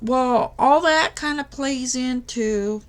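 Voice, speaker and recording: A tired woman hosting a crafting channel chats casually with her viewers late at night in a tutorial style. Her voice sits high and clean, and she speaks at a slow pace.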